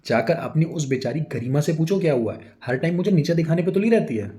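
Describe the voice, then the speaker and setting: A man voicing an angry middle-aged housewife who scolds her husband in loud, shrill complaints. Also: lively intonation, fast talker, close to an everyday voice. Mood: furious scolding.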